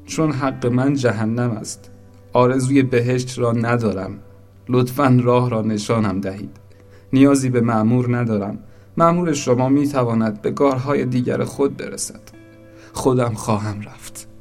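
A man voicing Little Zoraq, a small, stubborn soul who pleads loudly and insistently. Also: mid-range voice, faint music behind, voice pushed up, close to an everyday voice. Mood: respectful, sad.

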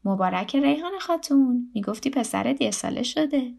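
A woman's voice: high voice, animated, creaky, a little mellow, pitched above the performer's own voice, exaggerated voice. A woman voicing a proud ewe who teases and boasts about her lamb. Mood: teasing.

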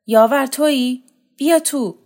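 A woman voicing an old lady of the house, flustered and sharp-tongued, reading her lines raised and animated. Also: a little high, pitched above the performer's own voice, lightly acted. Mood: alarmed.

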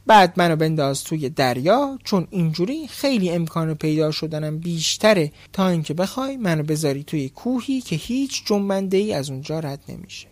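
A man's voice: fairly high pitch, animated, few pauses, no echo, lightly acted. A giant jar demon from a storybook, boastful and angry, threatening and later begging, voiced by a man narrating. The delivery stays close and dry, with no room around it. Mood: pleading.

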